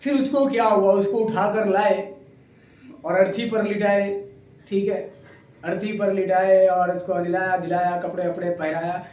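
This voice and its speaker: A man's voice: high voice, little pitch movement, unhurried, darkish tone. A man, a motivational speaker, telling a folk tale in a colloquial, rambling way, often repeating himself. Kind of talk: folksy storytelling. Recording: echoey room.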